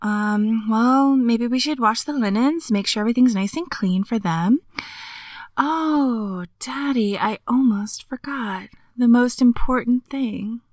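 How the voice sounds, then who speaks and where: A woman's voice: on the high side, no echo, studio quality. A woman voicing a giggly, whispering young woman. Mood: cheerful. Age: young adult. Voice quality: breathy whispering. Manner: giggly, coaxing, slow and drawn-out. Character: playful, teasing young woman just graduated. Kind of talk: intimate audio roleplay.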